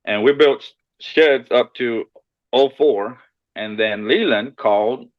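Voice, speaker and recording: A man from Costa Rica, a guest on a podcast, telling his story in a relaxed, friendly way with short answers and small restarts. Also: mid-range voice, slow pace, lo-fi sound. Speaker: shed hauling business owner, podcast guest. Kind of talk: casual interview chat.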